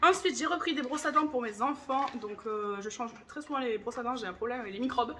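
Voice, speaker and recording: A woman's voice: on the high side, fast talker, bright, forceful tone, slight background noise. A woman in her thirties, chatting casually and enthusiastically as she shows off her groceries in a vlog. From France. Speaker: vlogger. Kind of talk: casual grocery haul chat.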